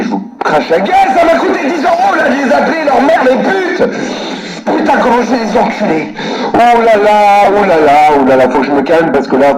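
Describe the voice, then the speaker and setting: A man ranting furiously at a customer service line, swearing constantly and muttering to himself between calls. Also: medium pitch. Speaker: irate customer on a prank call. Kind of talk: angry phone rant, swearing. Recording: echoey room, recorded phone call.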